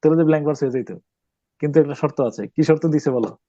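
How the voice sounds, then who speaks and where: A man's voice: on the high side, very fast, mellow, no room sound, muffled recording. Man teaching poetry to a class. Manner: stops to quiz students, mixes English terms, many hesitations.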